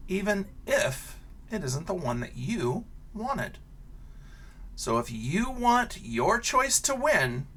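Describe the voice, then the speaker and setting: A teacher with a slightly rough voice reads a kids' picture book aloud, mixing in lively questions and offhand comments for young listeners.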